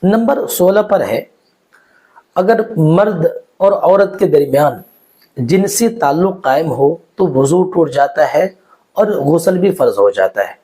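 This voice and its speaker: A man's voice: a little high, lively intonation, warm tone. A man explaining religious rules point by point, restating each in plainer words and speaking straight to the viewer. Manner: explanatory, numbered points, addresses viewer directly; repeats each rule in simpler words. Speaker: Islamic teacher. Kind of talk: religious instruction video.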